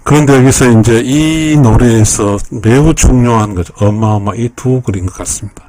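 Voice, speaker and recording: A man's voice: mid-range voice, normal speed, darkish tone. A man hosting a YouTube channel, giving a lecture-style analysis of song lyrics, emotional and repeating phrases over and over. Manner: polite addresses to viewers.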